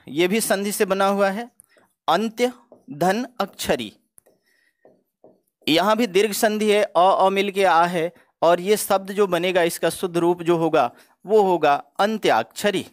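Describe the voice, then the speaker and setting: A man's voice: sits high, dry recording, clean studio sound. A man teaching Hindi spelling for exam preparation, going word by word in a methodical, explanatory way. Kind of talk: exam-prep spelling lesson.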